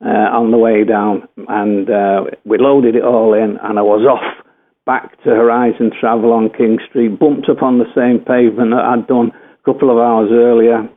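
A man's voice: medium pitch, flat delivery, normal speed, a little hiss or hum. An older English man, a former footballer, telling a rambling anecdote full of fillers and self-corrections. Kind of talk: anecdotal storytelling. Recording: tinny phone-like radio line.

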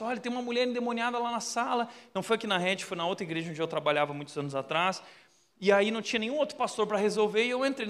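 A man preaching a sermon as a pastor, telling stories animatedly and acting out the voices, moving between loud and hushed delivery. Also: sits high, big-room sound. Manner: animated storyteller, acts out quotes, shifts between loud and hushed. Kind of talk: sermon with storytelling.

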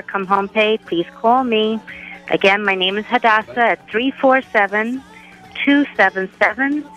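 A woman's voice: medium pitch, pushed and bright, low-quality recording. A middle-aged woman calling a radio show, delivering a prepared personal appeal in an orderly, formal way. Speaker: caller.

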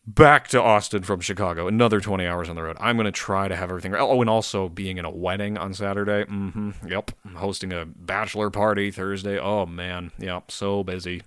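A very tired, sleepy-sounding man with a deep, gravelly voice hosts a solo podcast, rambling, poking fun at himself, and swearing casually. He talks fairly quickly in a steady, slightly bright tone with hardly any pauses, and the recording is dry with no room echo.

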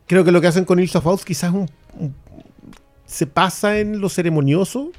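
Un hombre con acento chileno, copresentador de un pódcast, que comenta películas en una charla informal y repite palabras al arrancar las frases. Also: male voice, sits high, a little mellow, soft background music. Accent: Chilean Spanish. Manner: talks fast, repeats words, restarts often. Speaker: podcast co-host. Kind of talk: casual film review chat.

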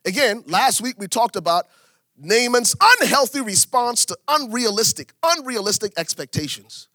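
A man from Liberia, middle-aged, preaching a sermon, repeating key phrases for emphasis with big swings in pitch and loudness. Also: big pitch swings, normal speed, no room sound. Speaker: pastor.

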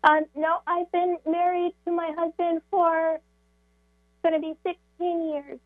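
A woman's voice: very high-pitched, little pitch movement, unhurried, dry recording. A woman calling in to a show, chatting hesitantly with her voice giving out, over a phone line. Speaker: call-in show caller. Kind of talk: casual chat on a call-in show. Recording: narrow, tinny phone line.

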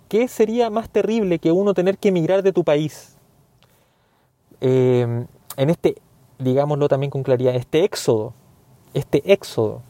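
A man's voice: mid-range voice, warm tone, no echo. A man from Chile with a Chilean accent, giving an earnest, indignant opinion monologue full of hesitant fillers.

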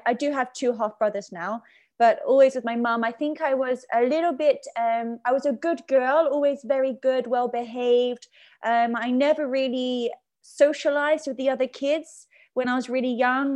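A woman with a southern English accent, chatting casually and in a giggly way as an interview guest. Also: on the high side. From Surrey, England. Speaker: podcast guest, dancer.

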